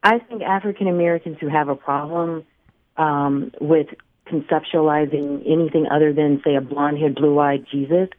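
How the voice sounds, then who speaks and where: A woman from Barbados calling in to a radio talk show, thoughtful and measured. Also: sits low, fairly even intonation, no echo. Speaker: caller. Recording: tinny phone line.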